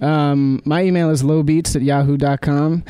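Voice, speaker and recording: A band member answering radio interview questions casually, relaxed, with ums and throat-clearing. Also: male voice, on the high side, moderate pace, no room sound. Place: radio studio.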